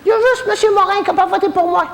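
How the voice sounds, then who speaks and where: Brief: a woman doing a saucy old Québécois granny in a nursing home, very high, gravelly voice, long hall echo. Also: steady tone, racing, background noise. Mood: cheeky. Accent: Québécois French. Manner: saucy, gossipy, self-mocking jokes. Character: cheeky, bawdy old woman living in a retirement home. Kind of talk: stand-up comedy character monologue.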